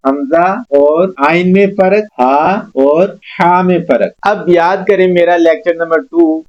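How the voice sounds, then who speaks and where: A man teaching Quran recitation in a recorded lecture, slowly drawing out each letter sound as he demonstrates it. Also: a little high, a little mellow, dull audio.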